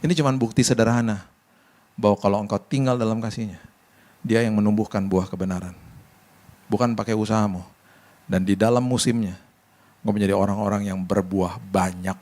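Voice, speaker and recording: A middle-aged male pastor preaching a sermon, telling stories in a lively, emphatic way with repeated phrases. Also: fairly low pitch, a little fast, long pauses. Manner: lively storyteller, emphatic and repetitive. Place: church service.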